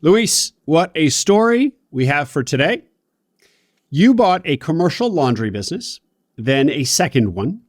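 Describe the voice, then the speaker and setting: A man's voice: fairly high pitch, dry recording, studio quality. A man hosting an interview podcast who asks upbeat, probing questions. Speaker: podcast host.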